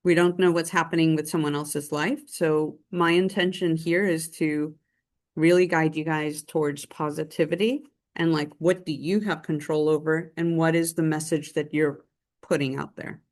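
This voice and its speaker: A woman's voice: low-pitched, steady tone, moderate pace. A woman running a real estate training session on a call, chatty and encouraging, full of "like" and "um". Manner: chatty, filler-heavy, encouraging. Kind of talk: live group training session. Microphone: online call.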